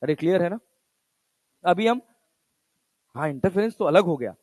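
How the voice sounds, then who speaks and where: Here a male physics teacher lectures with an expressive, high-sitting voice, moderate pace and darkish tone. He speaks casual, chatty Hindi laced with English terms, quizzing his students and then answering his own questions. The recording is dry.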